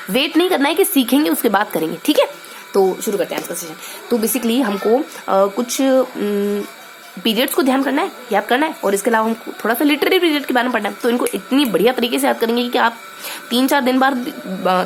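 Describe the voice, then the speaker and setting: A woman's voice: on the high side, a little hiss or hum. A young woman teaching a casual lesson, chatty and playful, thinking aloud with many fillers and memory tricks. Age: young adult.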